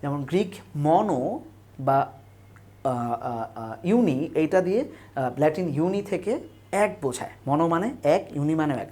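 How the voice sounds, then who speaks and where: A woman's voice: a bass voice, dark tone. A young woman gives an online class on English word roots. She explains step by step, lists examples and often asks "right?" to check. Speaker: teacher. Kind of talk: online admission-test English lesson. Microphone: camera on a tripod.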